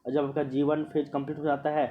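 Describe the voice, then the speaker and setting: A man's voice: on the high side, monotone, fast, slight background noise. A man teaching an exam-prep lecture, explaining step by step, repeating himself and checking that students understand. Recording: muffled lo-fi recording.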